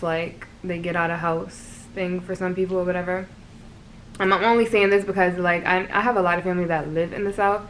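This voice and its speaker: A woman's voice: on the low side, rough recording. A young woman from Brooklyn with a New York accent, chatting casually in a vlog, rambling with lots of fillers. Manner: rambling, filler-heavy, laughs often. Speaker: vlogger. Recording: faint background noise.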